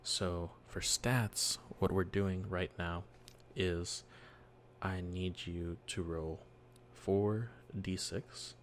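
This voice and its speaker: A soft-spoken man as a dungeon master in a whispered role-play, explaining gently and patiently with many fillers, speaking quietly at home. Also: deep voice, steady tone, very slow, slight background noise. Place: quiet home early morning.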